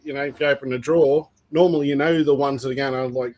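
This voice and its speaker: A man's voice: mid-range voice, steady tone, fast talker, darkish tone, rough recording. A man co-hosting a reptile livestream, telling stories in a rambling, filler-heavy casual way. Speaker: co-host of a reptile breeding livestream. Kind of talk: casual chat.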